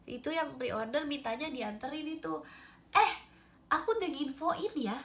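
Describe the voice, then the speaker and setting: A woman's voice: high-pitched, normal speed. A young woman from Indonesia, stuffy from a cold, chatting animatedly on a phone livestream and thanking viewers for gifts. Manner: chatty and animated, frequent fillers. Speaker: idol livestreamer.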